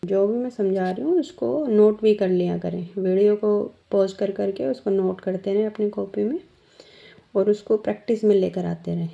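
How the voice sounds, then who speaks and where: Her voice is mid-range, gravelly and mellow, with fairly even intonation, as this woman teacher breaks shorthand down step by step. She takes her time, patiently asking her students questions, over dull lo-fi audio.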